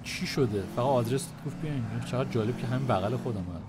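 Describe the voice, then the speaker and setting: A man's voice: mid-range voice, heavy background noise. A man giving casual, joking commentary over a video game, translating the characters' lines aloud as he plays. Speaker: gameplay narrator and translator.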